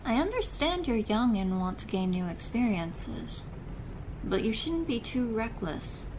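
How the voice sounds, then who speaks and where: A woman playing a possessive, doting and controlling stepmother in an ASMR role-play drama, chiding in a deliberate, motherly way. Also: a little high, big pitch swings. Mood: chiding, worried. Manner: slow, deliberate, softly chiding, maternal. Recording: noisy rain ambience behind voice. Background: rain.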